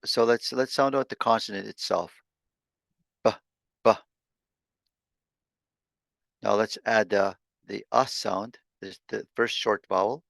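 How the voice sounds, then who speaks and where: A man teaching an online language lesson over a video call, sounding out syllables slowly with many halting restarts. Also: fairly low pitch, gravelly, a bit bright, no room sound.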